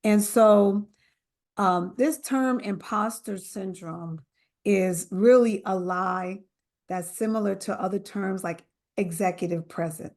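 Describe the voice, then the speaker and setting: A woman's voice: medium pitch, slow pace, vocal fry. A middle-aged woman from New Jersey, an author speaking earnestly and emphatically in an interview. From New Jersey, USA. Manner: earnest, emphatic, quotes others in animated voices. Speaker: author guest. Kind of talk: interview conversation.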